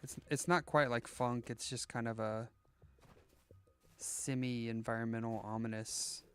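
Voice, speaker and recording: A man's voice: medium pitch, fairly even intonation, measured pace, a bit bright, clean tone. A man chatting casually while live-streaming a game, rambling and joking as he thinks aloud, often restarting his sentences.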